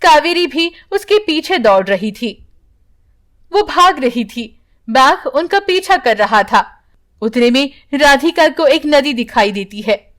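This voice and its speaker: A woman narrating a children's story in a measured, scripted storytelling manner. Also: sits high, animated, a bit bright.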